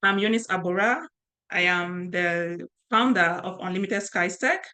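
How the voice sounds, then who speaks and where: A woman's voice: on the low side, measured pace, sharp tone. A middle-aged woman from Cameroon, a cybersecurity instructor presenting an online training session over a video call, talking conversationally with fillers and restarts. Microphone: webcam video call.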